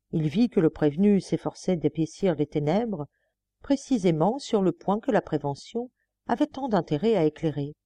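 A woman narrating a classic novel aloud in a measured, expressive reading, close to the microphone. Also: lowish voice, no echo. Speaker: audiobook reader.

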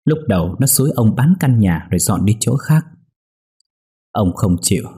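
A man with a low, husky voice playing a grave, sorrowful old man in a spoken horror story. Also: mellow. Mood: somber. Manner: slow, heavy, somber.

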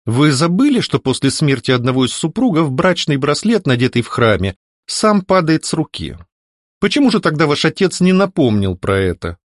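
A man's voice: a little high, sing-song, moderate pace, no room sound, studio quality, voice pushed up. A man voicing a young countess who questions and commands firmly. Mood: probing. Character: young widowed countess, sharp and firm.

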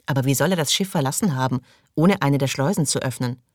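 A man reading the part of a rational, puzzled male technician, talking briskly. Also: medium pitch, dry recording, clean studio sound, natural voice. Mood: puzzled, insistent.

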